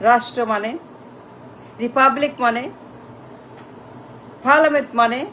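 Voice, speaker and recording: High-voiced woman ranting slowly. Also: steady tone, bright, forceful tone, slight background noise, low-quality recording. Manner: repetitive, mocking, mixing in English phrases. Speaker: political commentator. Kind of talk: impassioned political rant.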